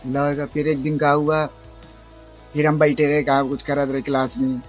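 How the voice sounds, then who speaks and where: A young man with a tells a rambling school anecdote for his vlog, acting out what others said. His voice sits a little high, and faint music plays underneath. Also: normal speed. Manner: rambling, animated retelling with acted-out quotes. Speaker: vlogger. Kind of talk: casual storytelling vlog.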